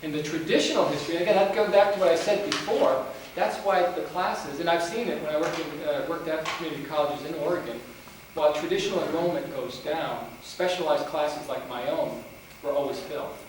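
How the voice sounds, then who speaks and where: Speaking a little quickly in a somewhat high voice, this genealogy lecturer has an accent mixing New England and North Country. He talks to the gathered audience in a rambling way, often starting over. A faint hiss runs through the distant, roomy recording made in a meeting room.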